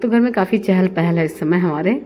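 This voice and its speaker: A middle-aged woman tells the story of her family's day in a chatty, homely way. Her voice is mellow and warm. A faint hiss sits under the recording. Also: fairly low pitch, brisk. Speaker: family vlogger. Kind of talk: voice-over narrating a family day vlog.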